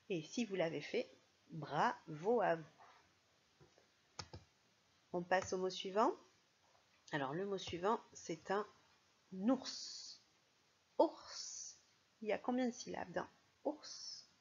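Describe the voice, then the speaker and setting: A woman teaches a primary school phonics lesson, going slowly and stressing every sound and syllable. Her voice is soft and breathy. The recording is dull and lo-fi, like a simple home setup. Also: mid-range voice.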